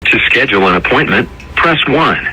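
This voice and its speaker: A man speaking an automated phone menu greeting as a recorded message, in a measured, scripted delivery. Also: medium pitch, expressive, pushed and bright, husky, poor audio.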